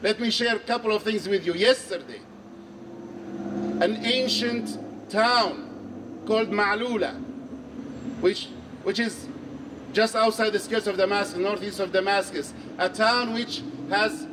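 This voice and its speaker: A middle-aged man from Syria speaks at an outdoor rally in a fairly high voice. He is earnest and measured and hammers home key phrases by repeating them. The mic sits a little way off, with faint noise from the open square. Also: far from the mic. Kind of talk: public speech at a protest. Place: outdoor square under trees. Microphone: handheld mic on a stand.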